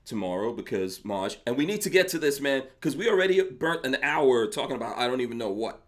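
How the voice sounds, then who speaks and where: A man's voice: medium pitch, expressive, fairly quick. A man from Guyana hosting a podcast in casual conversation, rambling with restarts and laughing easily. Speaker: podcast host.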